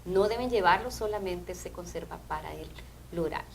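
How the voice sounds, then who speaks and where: A woman language teacher, explaining grammar rules in a measured way on a TV program. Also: lowish voice, gravelly, a little hiss or hum, low-quality recording. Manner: measured, explanatory, often asks "¿verdad?". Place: TV studio.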